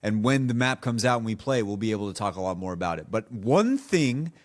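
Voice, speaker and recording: A man's voice: fairly low pitch, animated, a little fast. A man hosting a casual gaming podcast, talking in a laid-back, rambling way and repeating his phrases. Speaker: podcast host.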